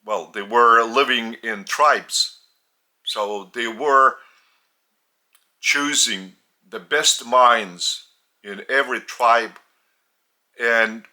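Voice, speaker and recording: With a Lithuanian accent, a man gives a spiritual teaching, speaking deliberately and haltingly with long pauses between phrases. His medium-pitched voice is pushed and bright.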